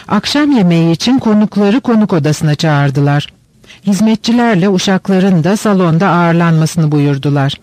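A man narrating a novel for an audiobook in a steady, unhurried way. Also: high-pitched, no room sound. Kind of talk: audiobook reading.

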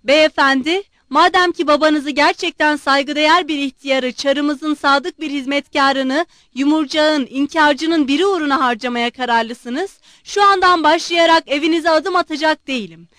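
Woman doing an old raging general, pompous, roaring, high and loud, dry close sound. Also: lively intonation, normal speed, no echo. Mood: furious. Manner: roaring, indignant outbursts. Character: old enraged retired general, blustering and pompous.

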